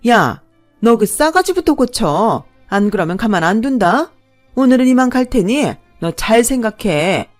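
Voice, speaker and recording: Woman doing a sharp-tongued mother-in-law, high, shouting, contemptuous, storytelling read. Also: big pitch swings, measured pace, faint music behind. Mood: scornful. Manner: shouting, scolding. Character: shrill scornful middle-aged mother-in-law.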